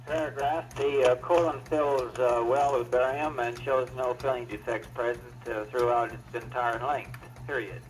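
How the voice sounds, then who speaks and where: A man's voice: medium pitch, poor audio. Man dictating on an old wire recording. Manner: halting, steady, with many filler pauses. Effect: old wire recording played back. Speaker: doctor dictating a medical report. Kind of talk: medical dictation.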